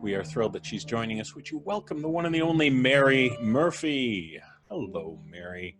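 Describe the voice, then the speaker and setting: A podcast host rambles playfully while introducing guests on a live stream, joking and chuckling at his own lines over background music. He speaks at normal speed in a very animated, medium-pitched voice.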